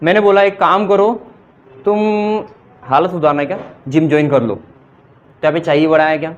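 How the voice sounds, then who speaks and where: A man's voice: a little high, moderate pace, muffled recording. A man teaching an English grammar class, mixing Hindi explanations with English example sentences and quizzing his students as he goes.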